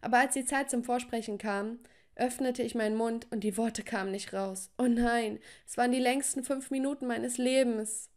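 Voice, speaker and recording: A woman's voice: on the high side, fairly even intonation, moderate pace. A woman telling a first-person story in a dramatic style, with sighing exclamations, over faint music. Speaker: narrator.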